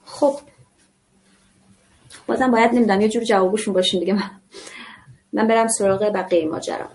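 In a conversational live online class, a parenting instructor often poses rhetorical questions to her audience. Her voice is mid-range with a somewhat dark tone.

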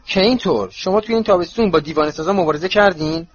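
A man voicing a resentful teenage boy with forced calm and sarcasm in a storybook reading, in a slightly muffled recording with faint hiss. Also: high-pitched, pitched above the performer's own voice, close to an everyday voice. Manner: strained calm breaking into sarcasm.

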